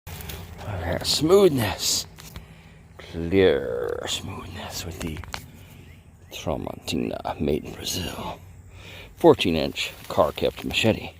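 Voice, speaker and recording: A man's voice: very deep voice, big pitch swings, takes it slowly, gravelly, long pauses, slight background noise. A man from the States, filming a playful outdoor vlog on a handheld phone and teasing the plants as he talks. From southern United States. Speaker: bladesmith hobbyist vlogger. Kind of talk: casual outdoor demo vlog. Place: outdoors in a bamboo grove.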